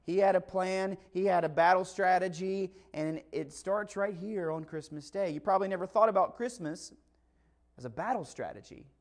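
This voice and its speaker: A man's voice: high voice, normal speed. A man preaching a conversational Christmas sermon, emphatic and full of rhetorical questions. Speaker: pastor.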